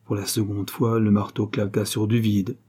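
Low, husky male audiobook narrator. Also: level tone, normal speed, warm tone. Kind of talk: scripted literary narration.

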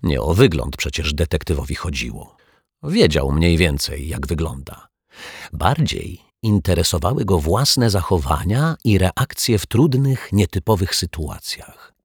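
A man reading a children's story aloud in a playful, expressive storytelling manner, close to the microphone. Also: deep voice, a little slow, husky, no room sound.

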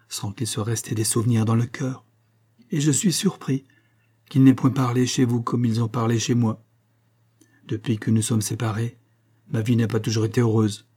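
Male reader as a cynical, commanding middle-aged husband in an audiobook; dark, husky, hard-edged. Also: medium pitch, lightly acted. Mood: pleading. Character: bitter middle-aged husband returned from the dead. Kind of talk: audiobook character reading.

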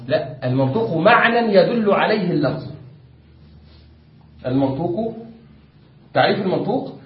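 A man's voice: sits high, expressive, normal speed. A man with an Egyptian accent teaching a religious law lesson, patiently repeating his points and quizzing students. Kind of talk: classroom lesson explaining a text. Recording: echoey room, distant dull mic.

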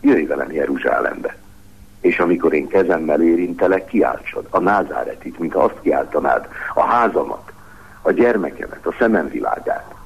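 A man reading aloud the lines of a gentle, forgiving male spiritual master in a mild, soothing way. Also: extremely low pitch, lively intonation, creaky, husky, heavily acted. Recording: dull lo-fi radio broadcast.

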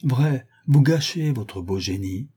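A man reading an audiobook voices a suave, mocking gentleman thief who speaks in an ironic, grandiloquent way, higher and louder than his narration. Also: animated, slow, husky.

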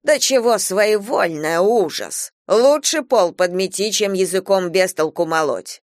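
A woman's voice: medium pitch, measured pace, no echo, clean studio sound, natural voice. A woman reading a storybook voices a stern, superstitious old grandmother who grumbles and scolds. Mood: scolding. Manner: scolding, insistent.

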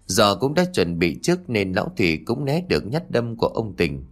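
A man narrates a ghost story with dramatic, expressive delivery. His voice is low, and his pitch climbs and drops with lively swings. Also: normal speed, vocal fry.

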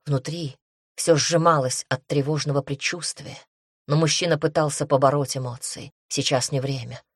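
Low husky woman reading fiction. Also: steady tone, moderate pace, no echo, studio quality. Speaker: audiobook narrator. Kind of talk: scripted fantasy narration.

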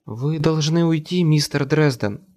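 A woman's voice: sits low, a little slow, mellow, pitched above the performer's own voice. A man voicing a frightened, desperate mother who pleads tearfully. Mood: urging.

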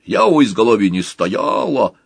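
A man voicing a quarrelsome, sharp-tongued woman baker who snaps back indignantly. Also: on the low side, animated, normal speed, creaky, breathy edge, no room sound, full character voice. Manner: retorting, indignant.

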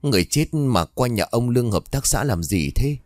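A man's voice: mid-range voice, animated, a little fast, a little mellow, no room sound, clean studio sound, natural voice. A man voicing a frightened middle-aged village woman who pleads shrilly. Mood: panicky.

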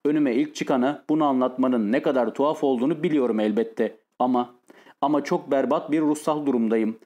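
A man voicing a tormented, lonely, nervous man who speaks in a halting, pained way in an audiobook. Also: medium pitch, a little mellow, muffled recording, close to an everyday voice. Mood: desperate.

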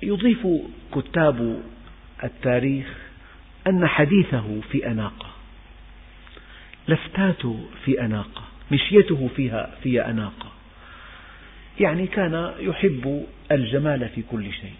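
Older preacher in an echoey hall. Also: male voice, medium pitch, lively intonation, moderate pace, long pauses, slight background noise. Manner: storytelling, mixes classical and colloquial Arabic, rises in emphasis. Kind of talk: religious lesson. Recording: echoey hall, phone-like tinny sound.

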